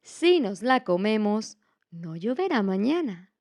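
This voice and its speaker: Mamá Osa, a woman doing a gentle mother bear. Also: mid-range voice, sing-song, slow, no room sound, clean studio sound. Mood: motherly.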